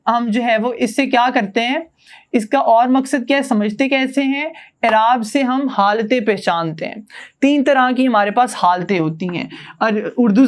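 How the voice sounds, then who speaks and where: A young man from Pakistan, a university student, giving a classroom grammar lesson and patiently explaining with rhetorical questions. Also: very high voice. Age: young adult. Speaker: student teacher.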